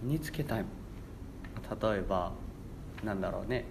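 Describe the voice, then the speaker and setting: A man's voice: lowish voice, normal speed, vocal fry, noisy background. A young man around eighteen hosting a casual radio chat in a rambling, stumbling way, often repeating himself. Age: young adult, about 18. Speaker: radio show host.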